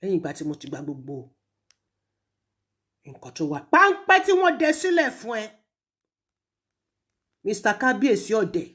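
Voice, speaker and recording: This woman speaks at normal speed with a Nigerian accent, her medium-pitched, slightly bright voice swooping wildly up and down. She pauses often while scolding and taunting an absent target in a mix of two languages, pressing hard on her emphasis.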